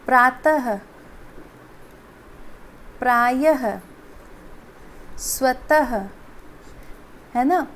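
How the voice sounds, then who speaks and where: Slow, patient woman teaching children. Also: high-pitched, slight background noise. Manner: patient, repeats and asks children if they understood. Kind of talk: classroom Hindi lesson.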